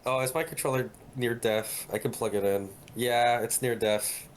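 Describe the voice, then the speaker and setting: A man's voice: mid-range voice, fairly even intonation, normal speed. A young man co-hosting a let's-play, teasing his friend and laughing easily. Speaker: gaming co-host. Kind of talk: casual let's-play chat.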